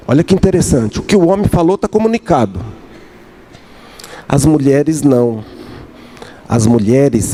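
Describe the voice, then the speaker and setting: A man's voice: a little high, dark tone. A middle-aged man preaching a sermon as pastor, repeating key phrases and acting out little dialogues. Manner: slow, repeats key phrases, acts out dialogue with his wife.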